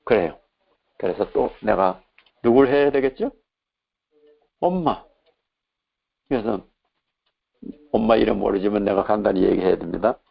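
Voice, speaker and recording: A man, a pastor, preaching a sermon and retelling an exorcism as animated dialogue. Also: lowish voice, unhurried, creaky, long pauses, breathy edge. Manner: animated storytelling, acting out voices in quotes. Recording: dull lo-fi recording.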